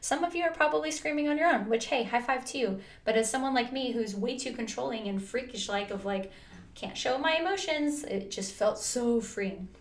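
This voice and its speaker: A woman's voice: fairly high pitch, normal speed, a little hiss or hum. A woman telling a personal story to her viewers in a vlog, earnest and chatty, full of restarts and fillers. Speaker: vlogger. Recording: roomy echo.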